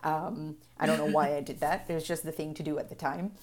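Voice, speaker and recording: A young woman from Singapore talks through her career as a podcast guest. Her voice sits a little low, and she chats freely with lots of fillers and laughs. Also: fairly even intonation, fast, darkish tone. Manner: chatty, laughs often, many fillers. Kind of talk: podcast interview.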